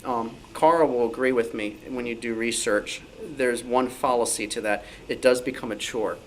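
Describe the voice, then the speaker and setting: A man who researches and writes about old-time radio speaks informally at an indoor club meeting, sharing anecdotes and poking fun at himself. His mid-range voice holds a steady tone at a moderate pace. The audio is poor, with a little hiss or hum.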